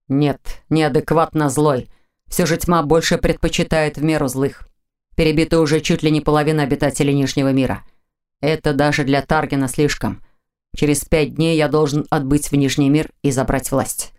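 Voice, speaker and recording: A woman voicing a male dark mage in dragon form, speaking low, growly and commanding. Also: little pitch movement, normal speed, clear, resonant tone, lightly acted. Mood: calm commanding. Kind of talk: audiobook character voicing.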